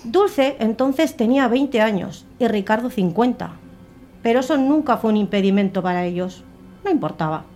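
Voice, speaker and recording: Woman narrating a dark story dramatically. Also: on the high side, soft background music. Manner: expressive, slows and swells on dramatic moments.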